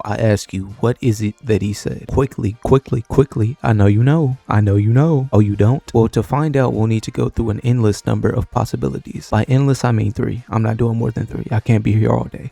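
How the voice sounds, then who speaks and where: A man giving a mock-serious, lecturing comedic monologue in a deadpan tone. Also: mid-range voice, fairly quick, gravelly, few pauses, dry recording. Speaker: comedy narrator.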